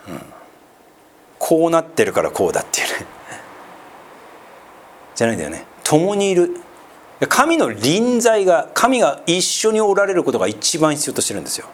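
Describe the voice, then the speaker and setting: Male pastor, conversational sermon, chatty asides, fairly high, very animated pitch. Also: normal speed, long pauses. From Sendai, northeastern Japan. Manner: chatty, with many asides and tag questions.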